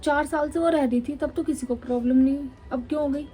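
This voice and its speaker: A woman's voice: high voice, fairly even intonation, brisk, warm tone, poor audio. A woman vlogger from Chandigarh, India, retelling a run-in in an indignant, emphatic storytime style. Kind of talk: storytime vlog.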